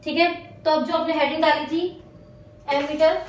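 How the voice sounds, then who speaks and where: A woman with an Indian accent teaching physics to a class, dictating notes slowly in English and repeating each phrase before explaining it. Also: high voice, little pitch movement. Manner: addresses students as "beta". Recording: echoey room from far off.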